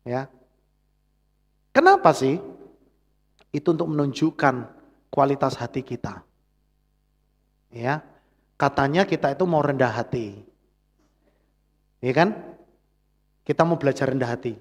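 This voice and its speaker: In a reverberant church hall, a man with a Central Javanese accent preaches a sermon, often urging the congregation to answer "amen." His medium-pitched voice moves a little slowly with frequent pauses, and his manner is engaging.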